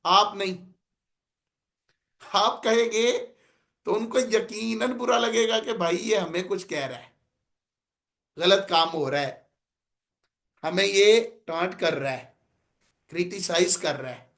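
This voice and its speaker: A man's voice: high voice, gravelly, long pauses, fairly bright tone. A man with a Punjabi-inflected accent teaching a class on public speaking, explaining plainly and then declaiming example lines to show intonation. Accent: Punjabi-inflected Urdu. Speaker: oratory teacher.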